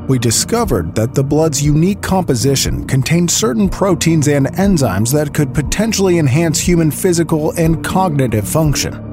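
A man playing a clinical agency researcher, reading a fictional report in a measured, formal, detached way. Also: fairly high pitch. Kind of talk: scripted narration of a fictional report.

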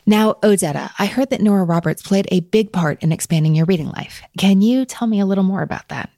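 A woman's voice: medium pitch, a little fast, warm tone, no echo, clean studio sound. A woman hosting a podcast interview, encouraging her guest. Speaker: podcast host.

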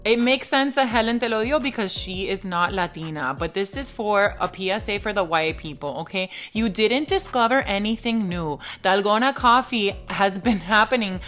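A woman's voice: mid-range voice, animated, normal speed, hardly any pauses, a bit bright, faint music behind. Blunt playful woman. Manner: blunt, playful, mixing in Spanish. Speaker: co-host. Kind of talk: casual comedic chat.

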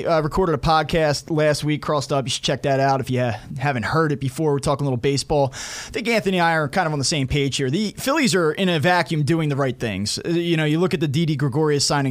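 A man with a somewhat high-pitched voice talks through sports analysis. He sounds conversational, like a podcaster explaining his reasoning. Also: fast talker. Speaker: sports betting commentator and podcaster.

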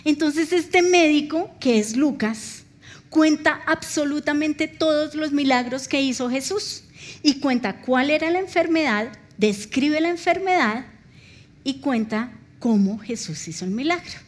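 A middle-aged woman with a high voice delivers a sermon. She tells stories with strong emotion and acts out the dialogue, her pitch rising and falling. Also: animated, measured pace. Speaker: pastor.

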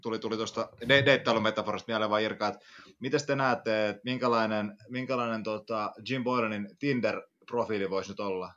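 Low man on a dull, lo-fi mic. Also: fairly even intonation, a bit bright. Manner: hesitant, many fillers. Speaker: podcast co-host. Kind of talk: casual sports chat.

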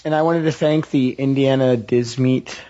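A man's voice: medium pitch, steady tone, moderate pace, mellow, lo-fi sound. A man speaking casually as a podcast panelist. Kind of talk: casual chat.

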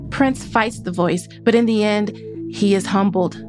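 A female podcast host speaks into a close studio microphone at a medium pitch and a slightly slow pace, with music playing behind her. She mixes scripted narration with some conversational interview.

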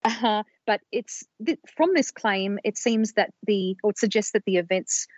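A woman co-hosting a podcast walks carefully through her research, explaining it casually with small restarts. Her mid-range voice is a little mellow and moves at a moderate pace. The recording is dull, lo-fi and dry, with no room sound.

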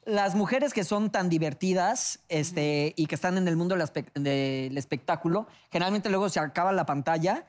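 Presentador mexicano bromista. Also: male voice, high-pitched, moderate pace, hardly any pauses. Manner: teasing, joking. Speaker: co-host. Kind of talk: casual chat.

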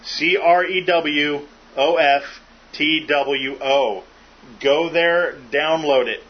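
A man's voice: on the high side, slow. A man hosting a podcast in casual chat, joking and rambling with fillers. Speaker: podcast host. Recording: muffled lo-fi with faint hiss.

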